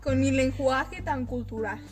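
A woman's voice: sits high, a little slow. A young woman with a Mexican accent co-hosting a podcast, chatting casually in a teasing, giggly way. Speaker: podcast co-host. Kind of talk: casual chat.

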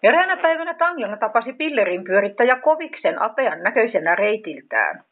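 A woman narrating a storybook in a calm, steady reading voice. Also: a little high, slight background noise. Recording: tinny phone-like sound.

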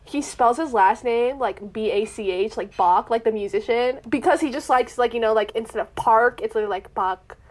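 A young woman talking in a relaxed podcast chat. Her voice sits a little high, and she drifts between thoughts, stacking up "like" as she goes. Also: brisk, few pauses. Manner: rambling, heavy use of "like". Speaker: podcast co-host. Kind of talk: casual chat.

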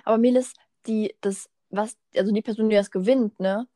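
A woman's voice: medium pitch, fairly even intonation, moderate pace, mellow, dry recording, studio quality. A teenage girl chatting casually with a friend, acting out little stories and quoted exchanges. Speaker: podcast co-host. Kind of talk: casual chat between friends.

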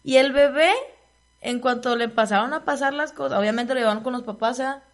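A woman's voice: a little high, fairly quick. Slangy young Mexican woman storyteller. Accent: Mexican Spanish. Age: young adult. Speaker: podcast co-host. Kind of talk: casual chat.

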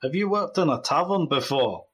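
A man's voice: fairly high pitch, expressive, moderate pace, a bit bright, husky, faint music behind, low-quality recording. A man voicing a dry, unimpressed tavern owner interviewing a job applicant. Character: gruff older male tavern owner interviewing staff.

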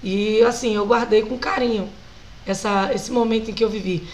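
Brazilian woman singer, Brazilian accent, a touch high-pitched; lively guest recounting her early career. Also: normal speed, slight background noise, low-quality recording. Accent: Brazilian Portuguese. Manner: animated, laughs often while telling stories. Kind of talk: casual storytelling interview.

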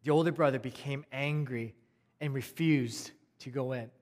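A man's voice: medium pitch, normal speed. Man preaching in a reverberant hall. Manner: conversational, with restarts and repeated phrases; swings between raised emphasis and quiet, soft delivery. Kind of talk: sermon.

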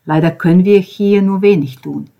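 A woman's voice: lowish voice, normal speed, muffled recording, pitched above the performer's own voice, close to an everyday voice. A woman voicing a shy apologetic doctor. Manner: polite, apologetic, slightly hesitant. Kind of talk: audiobook character voice.

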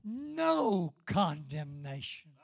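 A man's voice: sits high, very animated, very slow, creaky. An elderly man preaching a fervent Pentecostal-style sermon in an emphatic, repetitive, folksy way. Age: 70s or older.

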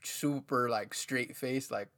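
A man co-hosting a podcast in laid-back casual chat, often trailing off into quieter asides. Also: medium pitch, slow.

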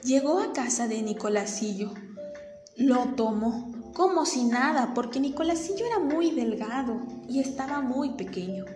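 A woman narrating a folk tale in an expressive, dramatic way, taking on the characters' voices. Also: sits high, normal speed. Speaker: storyteller. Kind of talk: storybook narration with acted voices. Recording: echoey room with faint music.

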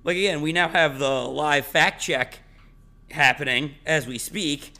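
A man with a fairly high, bright and forceful voice chats casually on a podcast. He talks in animated, opinionated bursts and swears freely. His voice cracks now and then today. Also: measured pace. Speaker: podcast co-host. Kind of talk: casual chat.

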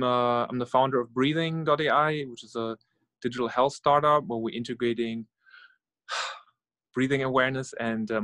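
A middle-aged man from Norway and Germany, a guest on an interview, thinking aloud in a relaxed way with many fillers and soft sighs. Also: mid-range voice, dry recording. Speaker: guest, startup founder and meditation guide. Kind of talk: casual interview conversation.

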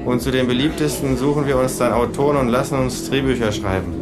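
A man doing a smug deadpan kangaroo. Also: medium pitch, quick pace, over loud music, pitched above the performer's own voice, lightly acted. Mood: dry, lecturing. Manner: dry, lecturing, deadpan. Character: smug know-it-all male kangaroo. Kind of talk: comic audiobook reading.

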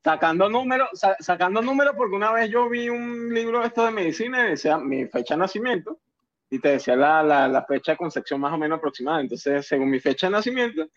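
A man with a Venezuelan accent telling joking anecdotes in a casual chat among friends. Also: a little high. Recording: muffled lo-fi sound.

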